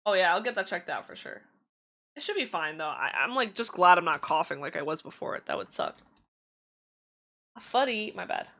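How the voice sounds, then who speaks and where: A woman's voice: fairly low pitch, lively intonation, moderate pace, creaky, long pauses, sharp tone. A woman streaming tarot readings in casual chat, chatty and giggly with lots of fillers, her voice slightly strained.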